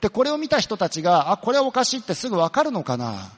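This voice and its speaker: High-pitched and wildly swooping, a man's voice fills a big room as he preaches in the role of pastor. He is earnest, answers the questions he puts to the congregation, and slows down to drive points home.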